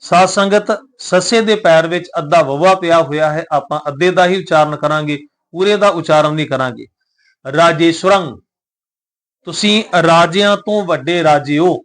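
A man with a somewhat high, slightly bright voice teaches scripture, chanting verses slowly and deliberately before explaining them word by word. His manner is devout and reverent, and he addresses his listeners politely.

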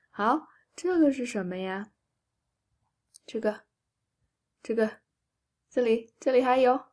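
A young woman teacher reading a picture book aloud to children, patient and encouraging, often dropping to soft whispered prompts. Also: mid-range voice.

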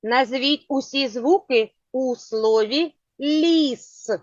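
Slow patient woman teaching children. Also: high-pitched, very animated, no room sound. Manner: slow, clear, patient questioning. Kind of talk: children's phonics lesson. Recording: dull lo-fi sound.

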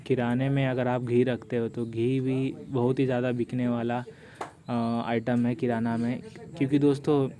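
A young man hosting a screen-recorded vlog, often saying "friends" and reading prices aloud in a steady walkthrough. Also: mid-range voice, slight background noise. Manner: repeats "doston" often, reads prices aloud. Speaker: YouTube host.

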